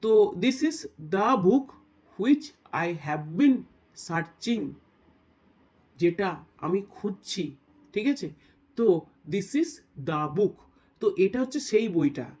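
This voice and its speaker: A man's voice: high-pitched, expressive, darkish tone. Man teaching a step-by-step grammar lesson. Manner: explains step by step, checks in with "right?"; reads English examples slowly.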